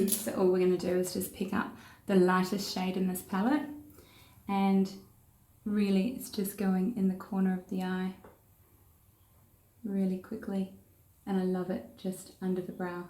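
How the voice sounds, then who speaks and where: A woman's voice: medium pitch, distant mic. A woman with a New Zealand accent, chatting her way casually through a step-by-step makeup tutorial as she works. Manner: chatty, relaxed, talks while working. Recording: roomy echo, voice off-mic.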